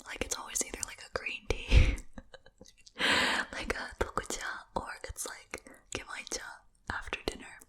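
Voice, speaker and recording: A woman's voice: measured pace, pushed and bright. A woman from Japan whispering a casual, rambling ASMR chat while chewing gum. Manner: rambling, giggly asides. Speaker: host of a rambling ASMR video.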